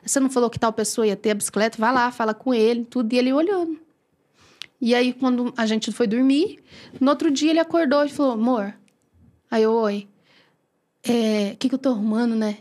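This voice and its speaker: A Brazilian woman telling a personal faith story as a podcast guest, animated and acting out quoted dialogue. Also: a little high, a little fast. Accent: Brazilian Portuguese.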